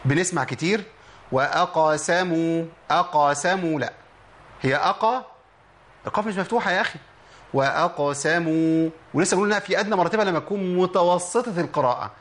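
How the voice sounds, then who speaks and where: A man's voice: high voice, expressive, racing, a bit bright. A man with an Egyptian Arabic accent teaching a Quran recitation lesson, asking questions and answering them himself while demonstrating the sounds. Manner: explains by demonstrating sounds, asks and answers his own questions. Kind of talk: tajweed lesson.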